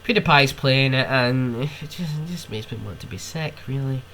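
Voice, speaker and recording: Sick with a cold, a young man rants through his own podcast in rambling, casual talk, sniffing and swearing. He speaks at a moderate pace in a pushed, bright medium-pitched voice, with slight background noise.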